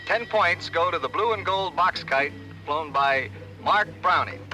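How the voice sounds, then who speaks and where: An actor playing a formal kite contest announcer, making a public address announcement heard from a distance in a 1950s TV drama. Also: male voice, a little high, unhurried. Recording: distant voice over background music.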